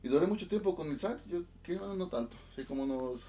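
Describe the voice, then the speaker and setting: A man in his twenties from Oaxaca with a Mexican Spanish accent, chatting relaxed and laughing in an interview about his music. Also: a little high, quick pace, far from the mic, slight background noise. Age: 20s. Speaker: guest musician, band director. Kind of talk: casual interview chat.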